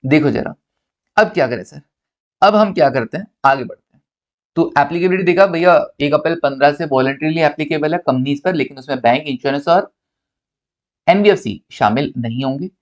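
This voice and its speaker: A man from India giving a playful, teasing accountancy lecture, posing questions and then answering them himself. His voice sits slightly high, and the recording sounds dull and lo-fi. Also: a little fast.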